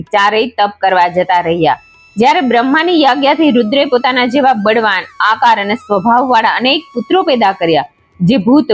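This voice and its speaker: Woman, devotional scripture narration, measured steady delivery, fairly high voice, faint music underneath.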